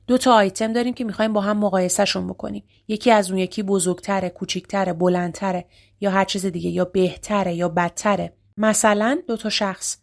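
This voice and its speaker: A woman's voice: medium pitch, steady tone, creaky, a little mellow. Persian-accented woman teaching English grammar. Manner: reads English examples slowly and deliberately, explains quickly. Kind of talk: grammar lesson explaining story sentences.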